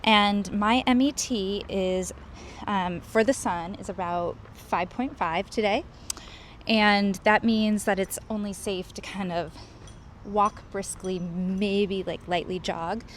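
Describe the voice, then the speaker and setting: A woman's voice: mid-range voice, fairly even intonation, takes it slowly. A woman vlogger talking casually to camera as she narrates a recap of her run. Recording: noisy outdoors with traffic and ambience.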